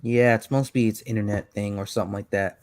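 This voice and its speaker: A man's voice: lowish voice, steady tone, darkish tone. A man hosting a casual online podcast, rambling and restarting his sentences with lots of "like". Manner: rambling, halting, heavy on "like" restarts. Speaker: podcast host.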